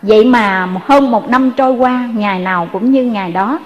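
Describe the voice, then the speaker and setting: A woman's voice: on the high side, moderate pace, long reverb tail, dull audio. A woman with a Southern Vietnamese accent telling a Buddhist story in a sermon, earnestly addressing her listeners. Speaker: Buddhist dharma speaker.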